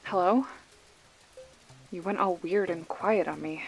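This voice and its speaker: A woman with a lowish, creaky voice speaks unhurriedly, playing a sarcastic, foul-mouthed young video store clerk who has a protective streak. It's a one-sided phone call for an ASMR roleplay, delivered casually and wryly. She banters with snark and plenty of swearing.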